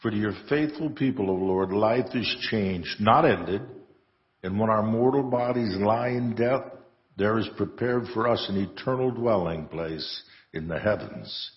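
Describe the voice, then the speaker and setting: A man's voice: lowish voice, measured pace. A man presiding as priest, reciting the liturgy solemnly in a church with a cathedral echo. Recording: cathedral-like echo, long reverb, muffled sound.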